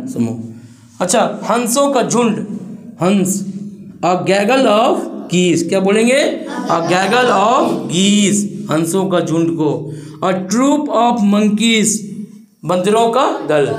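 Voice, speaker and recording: A man teaching an English grammar lesson to students in a classroom. He drags out the English phrases slowly and keeps checking in with tag questions. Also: high-pitched, roomy sound, rough recording.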